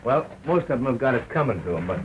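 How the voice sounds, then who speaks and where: An old, faintly noisy film track holds a reluctant male show manager played by an actor. His middle-pitched voice moves widely, hesitant and colloquial, in early talkie style. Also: big pitch swings, fast talker, close to an everyday voice. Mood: apologetic. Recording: noisy 1929 film soundtrack.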